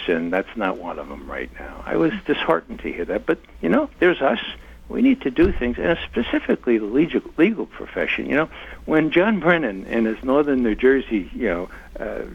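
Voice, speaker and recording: An older man speaking emphatically as an interview guest. His gravelly, husky voice swings widely in pitch. The recording sounds muffled and lo-fi. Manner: impassioned, emphatic. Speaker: interview guest, former intelligence analyst. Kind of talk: conversational interview.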